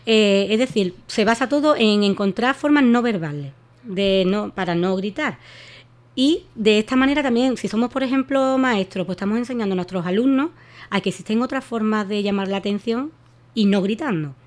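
A woman's voice: mid-range voice, moderate pace. A woman giving voice care advice in a radio interview, explaining with many fillers and restarts. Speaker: voice therapist guest.

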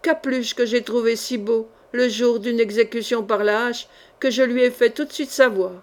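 A woman's voice: a little high, steady tone, moderate pace, lightly acted. A woman reading the lines of a proud, scheming queen in a haughty, scornful manner for an audiobook.

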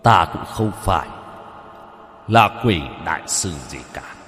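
A man's voice: sits low, animated, slow pace, fairly bright tone, big-room sound, full character voice. A man voicing a sinister, bearded middle-aged cult leader who speaks coldly and with contempt. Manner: cold, sneering, contemptuous.

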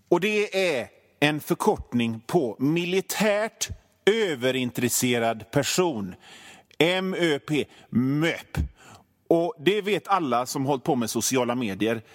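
A man hosting a radio show, delivering a sarcastic, rambling comedy monologue with plenty of swearing. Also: a little high. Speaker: radio host.

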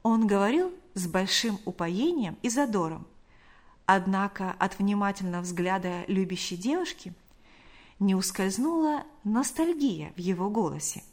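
A woman narrating an audiobook in a measured, expressive reading. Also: mid-range voice. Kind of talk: scripted narration.

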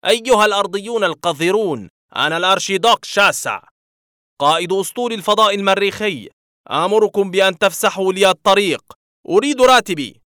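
A man voicing a pompous, hot-headed green Martian archduke who shouts orders in a high, strained voice. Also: expressive, quick pace, no echo, clean studio sound. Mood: furious. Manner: shrill, bossy shouting.

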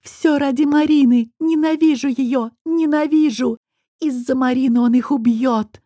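A woman's voice: a little high, moderate pace, warm tone, husky, dry recording, studio quality. A woman reading an audiobook, voicing a tearful, desperate young female student mage who pleads and shrieks accusations. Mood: hysterical.

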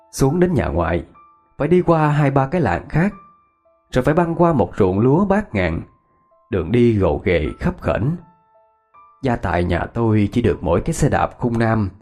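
A man's voice: medium pitch, darkish tone. A man narrating a ghost story in a reminiscing storyteller's cadence.

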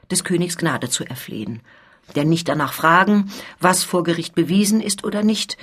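A woman's voice: medium pitch, slightly rough. A woman reading the part of an experienced male lawyer, grave and cautious, giving earnest warning counsel.

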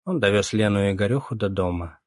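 A man narrating a story as an audiobook, in a calm, even manner with dry irony. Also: on the low side, fast, no room sound.

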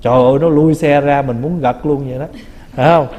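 A man's voice: medium pitch, steady tone, brisk, dark tone. A man, a Buddhist monk, giving a conversational dharma talk, teasing and acting out little quoted remarks. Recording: long reverb of a hall.

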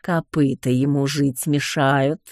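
A reader voicing a sly talking house cat in an audiobook, with a slow drawl. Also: mid-range voice, steady tone, dry recording, clean studio sound, close to an everyday voice.

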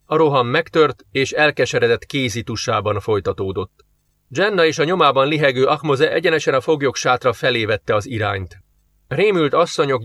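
Narrator: man, mid-pitched, steady storytelling, dry close-mic sound. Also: no echo. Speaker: audiobook narrator. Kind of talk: scripted narration.

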